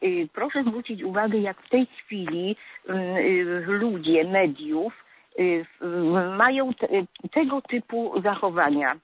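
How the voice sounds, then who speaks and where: On a tinny telephone line, a woman calls in to a radio show to lecture about correct speech. Her mid-range voice is slightly rough and slow, and she hesitates often with filler sounds.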